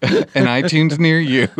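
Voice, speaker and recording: A man's voice: on the high side, no room sound. A man co-hosting a podcast in casual chat with teasing banter. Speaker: podcast co-host.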